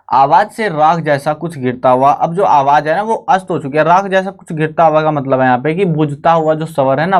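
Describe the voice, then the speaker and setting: A young adult man with a fairly high voice teaches his students a Hindi poem. He reads each verse slowly, then explains it in chatty, everyday speech sprinkled with English words.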